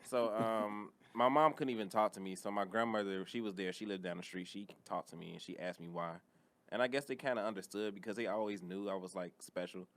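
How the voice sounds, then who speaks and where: A man talking as a podcast guest, telling personal stories in a casual, halting way. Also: lowish voice.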